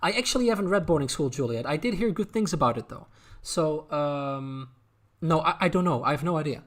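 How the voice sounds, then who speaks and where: A Dutch-accented man streams casually as an anime content creator, fielding viewer questions haltingly and repeating words as he thinks out loud. His voice is a little high and animated.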